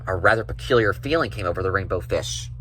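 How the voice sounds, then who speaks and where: Animated man reading a children's story. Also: deep voice, fast talker, slight background noise.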